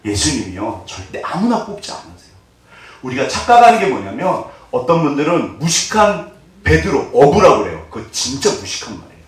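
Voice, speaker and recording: A man's voice: medium pitch, very animated, brisk. A middle-aged male pastor preaching a conversational Easter sermon in a church and acting out the voices he quotes. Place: church sanctuary. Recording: echoey hall, distant mic.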